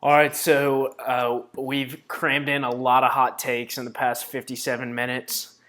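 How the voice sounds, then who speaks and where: A man's voice: medium pitch, little pitch movement, measured pace, a bit bright. A young man hosting a casual sports podcast, making emphatic, brash predictions. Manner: emphatic, brash hot takes. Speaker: podcast host.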